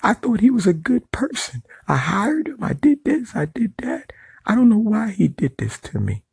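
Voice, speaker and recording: A self-pitying boss whines in a shrill, pleading voice, as a man puts him on with a gravelly rasp. He sounds wounded and indignant, and the room is dry and close. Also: big pitch swings, moderate pace, a little mellow, dry recording, heavily acted. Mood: whining. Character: whiny indignant male boss playing victim.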